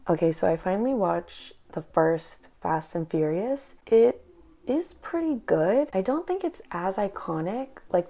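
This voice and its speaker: A young woman vlogging casually, chatty and full of quick asides. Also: lowish voice, dark tone. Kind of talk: casual chat.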